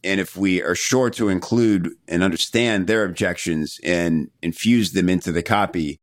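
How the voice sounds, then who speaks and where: A man's voice: low-pitched, no echo, studio quality. A man hosting a podcast interview, chatting casually with frequent "you know" fillers. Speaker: podcast host.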